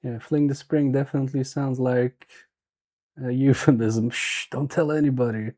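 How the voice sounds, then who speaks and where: Repairing a toy on a live stream, a Swedish-accented man thinks aloud and mutters to himself in casual commentary. His mid-range voice is dark-toned, with fairly even intonation and a normal speed.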